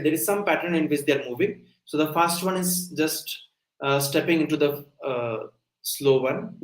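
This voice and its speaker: The recording is rough and reverberant, capturing a young man with a fairly high voice. He's a coding instructor lecturing live online, explaining step by step with frequent check-in questions to see if listeners keep up.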